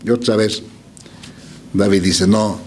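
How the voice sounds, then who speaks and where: A male preacher tells a scripture story to his congregation, his voice rising and falling widely as he narrates. He slows down to read passages deliberately and keeps calling his listeners brothers. Faint noise sits under the recording. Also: medium pitch, big pitch swings, a little mellow. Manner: slow deliberate scripture reading. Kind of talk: storytelling sermon.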